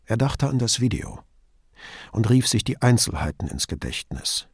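A man reading an audiobook in measured storytelling narration, close to the mic. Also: mid-range voice, big pitch swings, breathy edge, no echo. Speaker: audiobook reader. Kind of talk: scripted narration.

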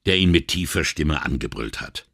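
A man voicing a calm, thoughtful middle-aged male police commissioner in an audiobook, measured and reasoning. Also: very deep voice, gravelly, dry recording, studio quality, full character voice. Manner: measured and reasoning, gently wry. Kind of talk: audiobook character reading.

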